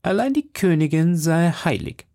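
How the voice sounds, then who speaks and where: A man voicing a boastful, hot-tempered musketeer who talks loudly and lectures his friend. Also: on the high side, very animated, normal speed, vocal fry, pitched above the performer's own voice. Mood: lecturing. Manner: loud, blustering, lecturing.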